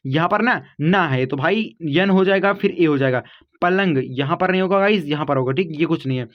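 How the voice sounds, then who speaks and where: Male teacher, high voice, patient step-by-step explaining, dull lo-fi sound. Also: fairly quick. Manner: patient step-by-step explaining, addresses viewers as kids and guys. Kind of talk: online spelling lesson.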